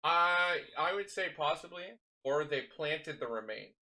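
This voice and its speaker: A young man hosting a home podcast talks with a bright, forward tone. He rambles and swears casually, and he drops "dude" into most sentences. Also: on the high side, animated, a little slow. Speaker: podcast host. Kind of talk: casual chat. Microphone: home microphone.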